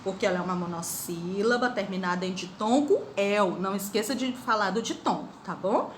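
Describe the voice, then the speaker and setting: A middle-aged Brazilian woman teaching a grammar lesson to schoolchildren, explaining slowly and asking the pupils questions. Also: medium pitch. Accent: Brazilian Portuguese. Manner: slow, drawn-out explanations with repeated questions to pupils. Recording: echoey room with faint noise.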